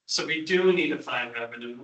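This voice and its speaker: A man on a board, speaking in a measured, hedging way during a public meeting discussion. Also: medium pitch, a bit bright, lo-fi sound. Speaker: board member. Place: meeting room. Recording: echoey meeting room from far off.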